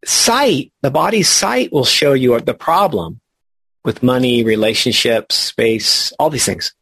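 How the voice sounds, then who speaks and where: Slow gravelly man leading a study group. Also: mid-range voice, lively intonation, a bit bright, dry recording. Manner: slow, reflective, emphatic teaching. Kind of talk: spiritual study discussion.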